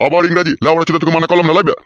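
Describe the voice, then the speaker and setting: A man's voice: fairly high pitch, little pitch movement, racing, fairly bright tone, no room sound, dull audio, natural voice. A man playing a coarse older village uncle in a comic skit, who scolds and swears. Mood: gruff.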